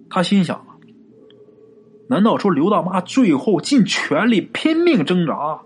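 Animated male ghost-story teller. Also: fairly high pitch, slightly rough. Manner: colloquial, drawn-out dramatic storytelling. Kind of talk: spoken ghost story narration.

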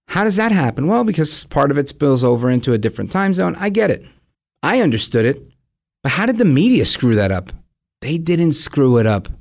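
A man gives opinionated, conversational commentary as a program host, acting out imagined dialogue and posing rhetorical questions. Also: on the high side. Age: 40s.

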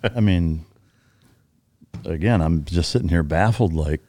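A man's voice: sits low, unhurried, mellow. A man hosting a casual podcast interview, blunt and profane, often sounding incredulous. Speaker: podcast host.

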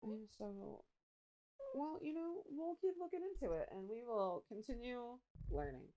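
A woman's voice: a little high, lively intonation, a little slow, warm tone, lo-fi sound. A woman co-hosting a podcast in casual chat, with a wry, teasing way of talking. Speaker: podcast co-host.

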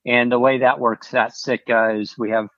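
A man's voice: mid-range voice, level tone, moderate pace, fairly bright tone, no echo. An American man from the Southeast, a podcast guest talking casually in an interview over a remote computer call. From Southeastern United States. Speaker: podcast guest, product manager. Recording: dull lo-fi remote call audio.

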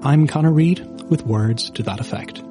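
A man's voice: a little high, normal speed, dark tone. A man reading a scripted podcast promo, with a punchy delivery of questions. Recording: promo with music under it.

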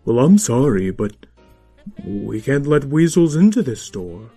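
A man voicing a big stern male rhinoceros security guard who talks in a gruff, officious way. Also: mid-range voice, big pitch swings, warm tone, faint music behind. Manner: gruff and officious, slow and firm.

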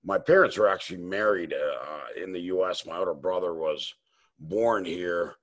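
A man's voice: deep voice, moderate pace, fairly bright tone. A man from Maryland hosting a casual interview, rambling with lots of fillers and restarts. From Maryland, USA. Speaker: host.

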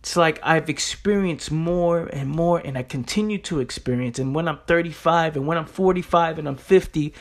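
Talking at a moderate pace with hardly any pauses, a young motivational speaker with a slightly high, creaky voice rolls through an informal monologue. He is blunt, streetwise and emphatic, throwing out rhetorical questions and casual swears.

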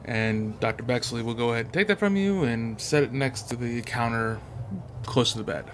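A man runs a tabletop game, narrating scenes off the cuff. His voice is of average pitch and casual, with clear noise behind it. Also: moderate pace, a bit bright. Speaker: game master.

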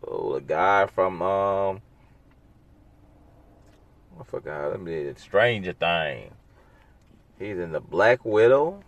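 A man's voice: low-pitched, lively intonation, slow pace, long pauses, muffled recording. A man hosting a solo podcast, rambling in a casual, sarcastic, blunt way full of slang. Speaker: podcast host.

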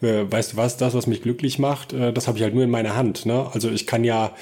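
A man's voice: medium pitch, steady tone, quick pace, a little mellow. Chatty man thinking aloud on a podcast. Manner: chatty and colloquial, full of filler sounds and tag questions. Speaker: podcast co-host. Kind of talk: casual discussion.

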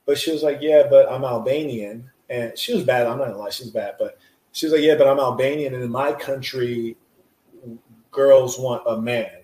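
A man's voice: medium pitch, moderate pace, dark tone. Slangy joking man in an echoey room. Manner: slangy, jokey, laughs often. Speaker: podcast host. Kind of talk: casual chat.

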